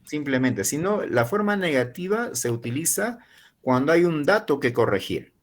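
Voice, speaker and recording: Slowly repeating model phrases for learners, a Peruvian university professor in his forties teaches English online, explaining in Spanish. His voice is on the high side and very animated.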